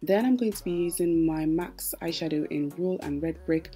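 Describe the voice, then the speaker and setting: Narrating a makeup tutorial at a normal pace, this woman has a noticeably low and mellow voice. She chats casually with her viewers and explains each step as she goes, with light background music behind her.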